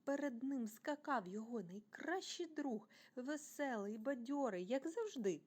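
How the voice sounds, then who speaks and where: A Ukrainian woman with a high, husky voice reads a bedtime story for children at an unhurried pace. She's expressive and animated, addressing her young listeners directly.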